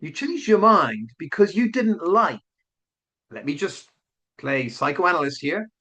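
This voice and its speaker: A combative man hosting his own commentary vlog. His voice sits fairly high and swoops widely, with sarcastic, emphatic jabs. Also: sing-song, unhurried, bright, forceful tone, slightly rough. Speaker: online commentator.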